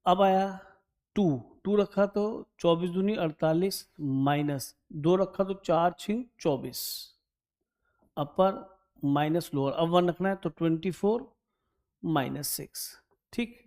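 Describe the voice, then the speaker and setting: A man's voice: high-pitched, takes it slowly, a little mellow. A man teaching an exam-prep maths lesson, solving a problem step by step. He thinks aloud as he calculates, hums while checking numbers, and keeps turning to his students with "right?". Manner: chatty, addresses students directly and keeps asking "right?".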